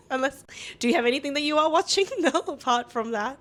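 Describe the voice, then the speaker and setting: A woman's voice: sits high, animated, brisk, fairly bright tone. A woman in her thirties hosting a podcast, chatting casually with friends, laughing often and using lots of fillers. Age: 30s. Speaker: podcast host. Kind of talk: casual chat.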